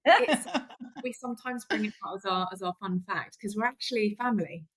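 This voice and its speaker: A woman guest on a podcast, friendly and modest, halting and repeating herself. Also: mid-range voice, a bit bright. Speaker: guest, networking company founder. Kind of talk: casual podcast interview.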